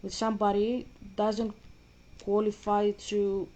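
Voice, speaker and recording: Slow, monotone, and dark-toned, a woman's medium-pitched voice accompanies her gameplay. She's a vlogger from Greece with a Greek accent whose casual commentary rambles, with frequent sentence restarts.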